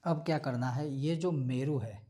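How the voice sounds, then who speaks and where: A man explaining a prayer-bead ritual step by step, in a measured way that repeats phrases, chanting syllables and mantras slowly. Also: mid-range voice, dark tone. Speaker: ritual teacher.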